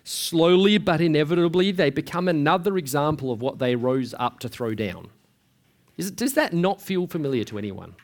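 A man's voice: on the high side, lively intonation, moderate pace. Conversational preacher man. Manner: conversational, with frequent restarts and rhetorical questions. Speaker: pastor. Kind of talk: sermon.

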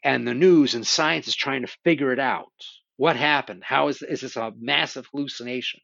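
Gravelly man enthusing about horror. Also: mid-range voice, normal speed, dry recording, lo-fi sound. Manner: animated storytelling with swearing. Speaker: podcast host. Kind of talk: casual conversation about horror films.

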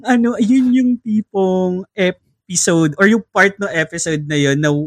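A man co-hosting a podcast, chatting casually and gushing excitedly to his listeners. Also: high voice, a little slow, no echo. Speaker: podcast co-host. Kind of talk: casual chat recapping a series.

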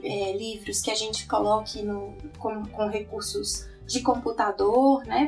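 A woman with a Brazilian Portuguese accent talks through her teaching process in an earnest, explanatory way, checking in with frequent tag questions. Her voice is a little higher than usual and sounds slightly distant from the microphone. Faint music plays in the background. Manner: earnest, often tags "né". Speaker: educator. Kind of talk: explanatory presentation.

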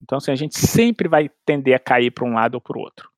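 Talking fast with lively intonation, this language expert guest explains how to learn languages in a casual conversation. He uses everyday analogies, acts out inner dialogue and often restarts his sentences. His voice is medium-pitched and the recording is dry and clean, studio-grade.

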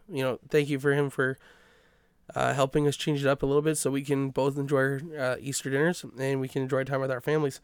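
A man's voice: mid-range voice, clear, resonant tone, no echo, studio quality. A man, congested from a cold, hosting a podcast in a rambling, chatty way with frequent self-corrections. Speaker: podcast host. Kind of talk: casual podcast intro.

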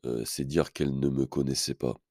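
A man with an extremely low, gravelly voice tells a story on his podcast, stopping often for fillers and restarts. He sounds blunt and sure of himself, and his dark, mellow tone is recorded dry and close to the mic. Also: flat delivery, moderate pace, no room sound. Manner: hesitant, many fillers and restarts; blunt, self-assured. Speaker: podcast host. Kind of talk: casual storytelling monologue.

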